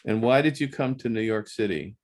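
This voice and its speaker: This interview host has a lowish voice and speaks fairly quickly. In a relaxed, chatty interview, he reflects aloud, circling back over words as he hunts for the right phrasing.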